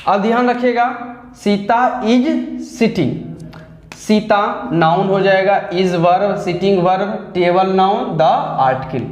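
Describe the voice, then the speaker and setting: A man's voice: high voice, drawn-out words, a little mellow, roomy sound. A man with a Hindi accent, teaching an English grammar lesson patiently, step by step with repeated examples.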